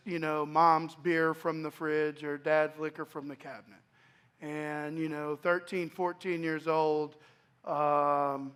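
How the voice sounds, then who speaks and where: A man in his forties from East Dallas, Texas, speaking at a church microphone and telling his life story in a halting, reflective way with many restarts. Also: fairly high pitch, fairly bright tone, clear, resonant tone. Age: 40s. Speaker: guest speaker sharing his testimony. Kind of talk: personal testimony talk. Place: church sanctuary. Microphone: microphone at a pulpit.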